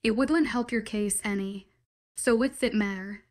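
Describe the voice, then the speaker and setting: A woman's voice: mid-range voice, measured pace, a little mellow, close to an everyday voice. Woman reading a dry, sarcastic young prisoner.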